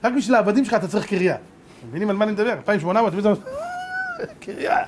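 A man, a rabbi, giving a religious lesson full of stories, animated and rhetorical, repeating points for emphasis. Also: high-pitched, background noise.

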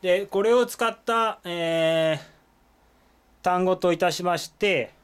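A man's voice: high voice, slow pace, smooth. A man explaining words step by step in a whiteboard language lesson, with many fillers. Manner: lively, explanatory, with frequent "eh" fillers. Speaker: Korean language teacher.

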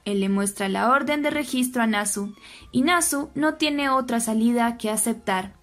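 Woman doing a soap recap, kinda high voice, steady storytelling, soft music underneath. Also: normal speed. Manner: steady storytelling, reads quoted dialogue with a slight lift. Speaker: narrator recapping a soap opera. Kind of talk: scripted recap narration. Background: faint background music.

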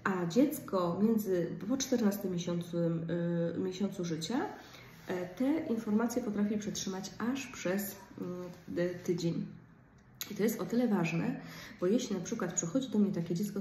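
A woman speech therapist gives an informal lecture, explaining step by step and often stopping on hesitation fillers. Her voice is warm and mellow and sits at a middle pitch. She is heard from some distance in a roomy, echoing space with a faint hiss behind her.

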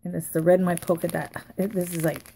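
A woman's voice: lowish voice, level tone, fast talker, vocal fry, dark tone, slightly rough. A woman chatting casually to viewers as she unwraps craft mail, gushing and a little tired. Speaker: craft vlogger. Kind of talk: casual unboxing chat.

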